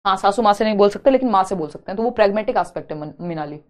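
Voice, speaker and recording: A woman's voice: mid-range voice, animated, rapid-fire. A woman teaching an exam-prep lesson in a live online class, explaining step by step, mixing in English terms and reading out viewer comments.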